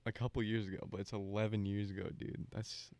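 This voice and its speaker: A man's voice: on the low side, little pitch movement, fast, a little mellow, no echo. A young man co-hosting a casual podcast, laid-back, mostly giving short agreeing replies and swearing casually. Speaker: podcast co-host. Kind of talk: casual chat.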